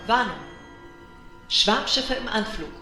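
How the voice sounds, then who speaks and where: A calm, measured loudspeaker warning voice, which a woman performs, rings out through an echoey space. It is pitched a little high, with a clear music bed underneath. The delivery stays even and steady while it calls out the alert. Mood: urgent warning. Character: female automated alarm announcer voice. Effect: loudspeaker alert announcement, echoing.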